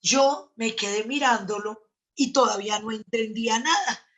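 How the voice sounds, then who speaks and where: A woman's voice: fairly high pitch, moderate pace, a bit bright. A middle-aged woman, an NLP trainer, telling a story in a live talk and acting out both sides of a dialogue.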